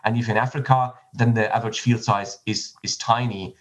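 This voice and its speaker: A man's voice: mid-range voice, steady tone, a little fast. A German-accented man answers podcast questions as a startup's chief, working through technical points with many restarts and fillers. His voice sits in a middle register. The audio is slightly dull. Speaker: startup CEO guest.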